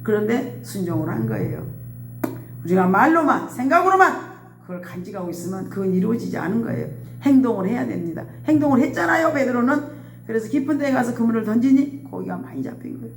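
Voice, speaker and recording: A woman preaching a sermon in a fairly high voice, repeating her phrases and building to impassioned cries. The room echoes around her, with soft music underneath. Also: lively intonation, quick pace.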